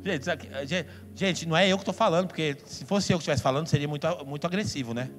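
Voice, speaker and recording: A man with a Brazilian Portuguese accent preaching a sermon as a pastor, emphatic and playful, breaking into loud outbursts and mock voices. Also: fairly high pitch, racing. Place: church hall. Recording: long hall reverb with faint music.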